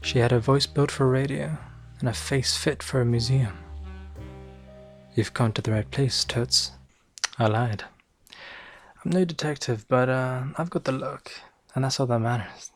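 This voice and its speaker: A man with a Northern English accent plays a boastful, bumbling noir private eye in an ASMR roleplay, narrating deadpan with hesitant asides. His mid-range voice is a little slow and close to his everyday voice, with faint music behind it, and the mood is wry and self-satisfied.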